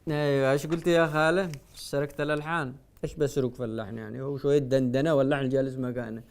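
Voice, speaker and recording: A man with a Yemeni accent hosting a satirical comedy show, mocking and sarcastic, swinging between loud outbursts and hushed asides. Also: medium pitch, fairly even intonation, rapid-fire.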